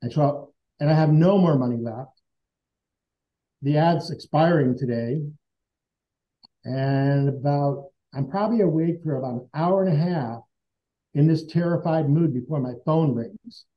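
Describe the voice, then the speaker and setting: The interviewed man's voice sits on the high side and moves at a measured pace. Telling a personal story earnestly and conversationally, he acts out remembered dialogue; the sound is dull and lo-fi.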